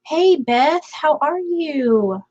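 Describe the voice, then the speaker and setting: A livestream host chats from home, reading out viewer comments in a high, lively voice that is warm but extremely slow. She's talkative, laughs often and uses lots of fillers, though her voice is scratchy and half gone and the audio is a bit lo-fi.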